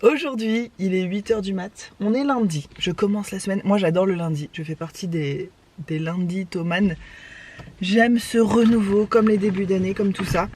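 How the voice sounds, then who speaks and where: A young woman from Réunion, hoarse after waking up, chatting in a rambling, self-mocking way for her vlog. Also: mid-range voice, moderate pace, a little mellow, a little hiss or hum. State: hoarse, just woken up. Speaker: vlogger. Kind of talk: casual vlog chat. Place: home in the morning, then driving a car.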